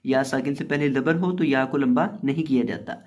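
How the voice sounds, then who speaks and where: उर्दू-पाकिस्तानी लहजे वाला एक आदमी, कुरान पढ़ाने वाला उस्ताद, जो हर्फ़ों को धीरे-धीरे खींचकर जोड़ता है और फिर शांति से तजवीद के नियम समझाता है।. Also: male voice, mid-range voice, dull audio. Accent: Urdu-speaking Pakistani. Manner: slow drawn-out syllable-by-syllable recitation, then calm explanation. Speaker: Quran reading teacher. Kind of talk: spelling-out recitation lesson.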